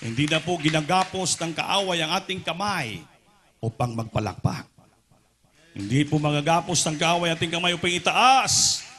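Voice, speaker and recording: A man from the Philippines preaching a sermon at an overnight prayer meeting, mixing Tagalog and English, calling out for responses from the congregation and shouting at the peaks. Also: fairly high pitch, very animated, normal speed, a little hiss or hum. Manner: fervent call-and-response with the congregation.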